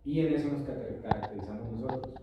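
A middle-aged businessman explains his coffee company in a measured, steady way. He sits at a meeting table, picked up by a camera across the room, so his voice sounds distant and bounces around the hard walls. A faint hum of room ambience sits behind him. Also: medium pitch, muffled recording. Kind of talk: interview answers. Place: large office meeting room. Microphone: far camera. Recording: echoey room from far off.

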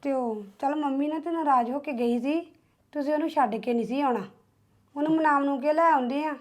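A woman playing a high-voiced young Punjabi wife. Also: a little fast, darkish tone, natural voice. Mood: defensive. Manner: defensive, probing, suspicious.

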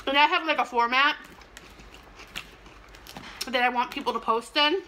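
Her bright, forceful voice sits high and moves at a moderate pace as this young adult mukbang vlogger eats on camera in a small, plain indoor room. She chats casually and with animation, sometimes between bites, over clicks and clear background noise.

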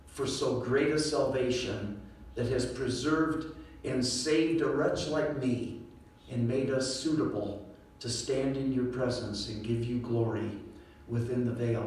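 A man leading a church congregation in prayer, in a measured, solemn way. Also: mid-range voice, fairly even intonation, a little mellow. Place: church sanctuary. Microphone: podium microphone, filmed from far back. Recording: echoey church room from far off.

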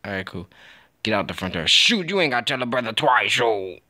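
A young man giving casual, excitable gameplay commentary, trash-talking and laughing as he plays. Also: fairly low pitch, a little fast. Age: young adult. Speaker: gaming YouTuber.

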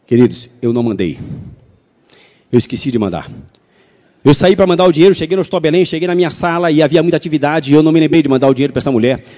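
A Brazilian pastor and physician telling a story in a sermon, animated and acting out the dialogue. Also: male voice, on the high side, racing. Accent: Brazilian Portuguese. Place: church hall. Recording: reverberant church hall.

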